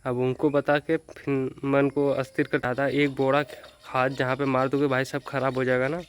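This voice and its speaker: A man's voice: medium pitch, level tone, normal speed. A young man from northern India talking casually to camera in a vlog, rueful and self-mocking, often calling his viewers "brother". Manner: rueful, self-mocking, chatty, says "bhai sahab" often. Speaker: vlogger. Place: outdoors in farm fields, then at home.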